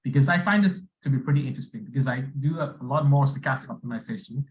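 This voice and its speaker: A man offers off-the-cuff technical commentary as an academic questioner. His voice sits at a medium pitch, and he talks informally and haltingly, building his point in pieces and checking for agreement. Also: rough recording.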